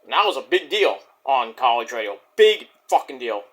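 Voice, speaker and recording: In a mid-range voice with big pitch swings and normal speed, a middle-aged man with a Brooklyn New York accent brags his way through a casual, rambling wrestling review, restarting often and filling gaps with fillers.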